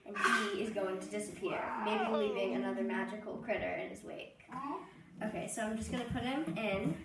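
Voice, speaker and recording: A woman's voice: medium pitch, fairly even intonation, fairly quick, background noise. A woman presenting like a kids party magician, announcing each step of her magic show patter to an audience. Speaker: amateur magician performing tricks. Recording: roomy, distant mic, loud music over voice. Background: loud music.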